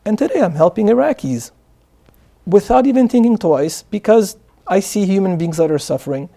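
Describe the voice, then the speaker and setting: A man's voice: sits high, animated, moderate pace, vocal fry, dark tone. A man from Morocco, a guest answering interview questions in an earnest way, often repeating words as he starts sentences. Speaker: guest, charity founder. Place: studio.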